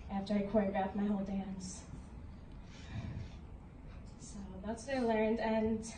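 A young woman choreographer, out of breath and halting, answering feedback after her performance. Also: a little high, mellow. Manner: breathless, halting, with nervous laughs. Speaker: student choreographer. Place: dance studio or theater. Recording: roomy echo, distant mic, background noise.

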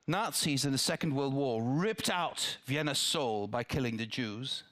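Animated yet unhurried, an older Dutch politician speaks in a medium-pitched, fairly bright voice. He's answering audience questions on a theatre stage in a town-hall dialogue, via a headset mic. His replies are thoughtful, with restarts and asides.

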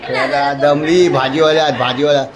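A fairly quick, level-toned man with a voice on the high side is heard over a crowd in the background. He speaks with a Marathi-speaking Mumbai accent while casually narrating a family weekend vlog through crowded villa rooms, teasing, chatting and laughing a lot in the noisy space.

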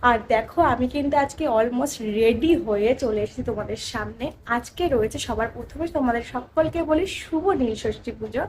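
A young woman from West Bengal with a Bengali accent, chatting casually in a home vlog and keeping her voice low so a sleeping child stays asleep. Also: a little fast, few pauses, darkish tone, a little hiss or hum. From West Bengal, India. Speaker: vlogger.

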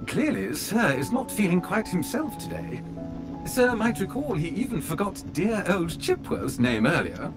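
A man's voice: high voice, very animated, unhurried, full character voice. A man voicing a polite male butler robot in a video game, formal and deferential, who speaks to his master in the third person. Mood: prim. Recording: game music underneath.

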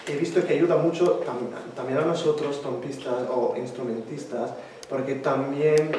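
A man in the audience, a horn player, asking a technical question haltingly with many fillers. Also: medium pitch. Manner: hesitant, with fillers and restarts. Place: lecture hall. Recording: echoey hall, distant mic, noise.

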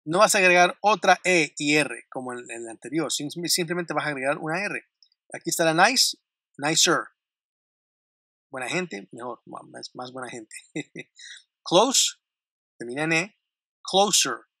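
Bright-voiced man teaching grammar. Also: a little high, lively intonation, no room sound, clean studio sound. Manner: repeats word lists slowly and clearly, with light laughs. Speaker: English teacher. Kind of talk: grammar lesson explaining English to Spanish speakers.

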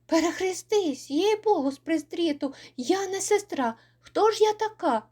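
A woman voicing a lively young village girl who pleads and cries out in quick, excitable bursts. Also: high-pitched. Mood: alarmed.

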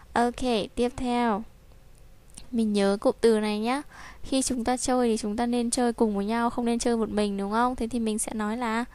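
A woman from Vietnam with a Vietnamese accent, teaching English to young children and repeating model phrases slowly and clearly. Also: a little high, darkish tone.

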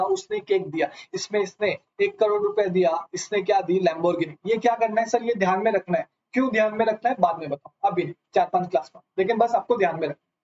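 A man teaching a live online lecture, asking his students question after question and calling them sir. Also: very high voice. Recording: slightly dull lo-fi audio.

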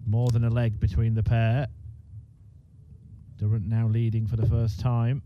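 A man giving measured, analytical darts commentary in short phrases. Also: medium pitch, monotone. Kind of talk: sports commentary. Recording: dull, noisy commentary feed.

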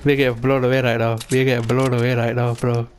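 A man chatting and swearing excitedly while playing a shooter game with a friend. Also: medium pitch, a little fast, background noise. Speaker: gamer. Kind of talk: casual gaming chat with friend.

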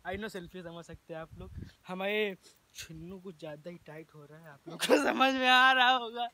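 At a farm house outdoors, a young adult man jokes around in casual vlog narration, looking right into a phone selfie camera at arm's length. His voice is high-pitched and sharp in tone, at normal speed.

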